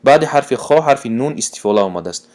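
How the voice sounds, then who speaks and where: A man with a Tajik accent gives a recitation lesson, stretching the verses out slowly in a raised voice. Between the verses he drops back to brisk, lower explanation. His pitch moves a lot between the two. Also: animated, a little mellow. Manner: slow drawn-out recitation alternating with quick explanation. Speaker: Quran recitation teacher. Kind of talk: tajwid lesson with recited examples.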